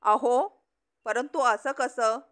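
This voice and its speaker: A woman's voice: on the high side, slow pace, fairly bright tone. A woman voicing a frightened woman who sighs and pleads between two quarrelling men, in a storybook reading. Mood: frightened, weary. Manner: fearful, sighing.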